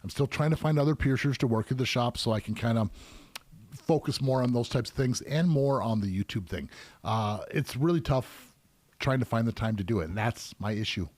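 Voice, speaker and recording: A man's voice: mid-range voice, a little fast, darkish tone. Laid-back middle-aged male piercer explaining. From United States. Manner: easygoing, explains at length with many fillers. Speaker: professional piercer hosting a live Q&A. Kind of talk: casual live-stream chat.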